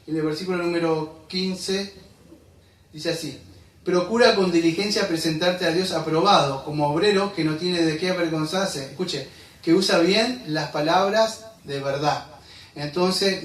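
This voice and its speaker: A male pastor preaching a sermon, asking his listeners rhetorical questions and calling them beloved. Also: fairly high pitch. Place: church sanctuary. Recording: echoey church hall, from a distance.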